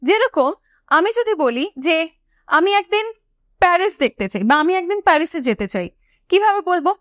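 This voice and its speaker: A woman teaching an English lesson. She explains each point and asks her students questions, then slows down to say each English example sentence clearly. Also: extremely high pitch, big pitch swings, dry recording, clean studio sound. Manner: asks the class questions, then answers them. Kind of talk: classroom explanation.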